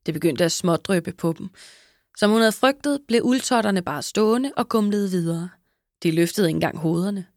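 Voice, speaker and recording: A woman narrating a children's story in a lively, expressive way. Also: fairly low pitch, no echo, studio quality. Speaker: audiobook narrator. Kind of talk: scripted narration.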